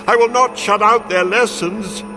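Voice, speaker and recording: An actor playing Ebenezer Scrooge, a frightened, repentant old miser, in a theatrical, halting radio-play manner. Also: male voice, high-pitched, steady tone. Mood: desperate repentance. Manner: pleading, dramatic, halting. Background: music.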